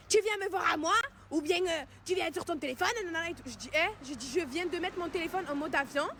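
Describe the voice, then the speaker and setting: A woman's voice: high-pitched, slight background noise. A young woman telling her followers a personal story in a casual, indignant, slangy way, with emphatic retelling.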